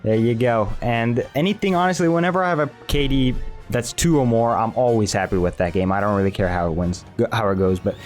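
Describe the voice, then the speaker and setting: A man's voice: medium pitch, a little fast, faint music behind. A man casually commenting over his own gameplay footage as a channel host, rambling with many restarts.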